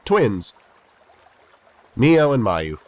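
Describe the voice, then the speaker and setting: A gaming YouTuber in his twenties, stuffy from a head cold, delivers rambling, chatty, self-deprecating let's-play commentary. His medium-pitched voice swings widely in pitch, and he talks extremely slowly.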